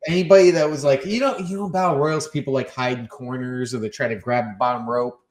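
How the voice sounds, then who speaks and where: A man guest on a podcast, telling wrestling stories in casual chat and acting out his own shouted lines. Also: medium pitch, fairly even intonation, brisk, echoey room.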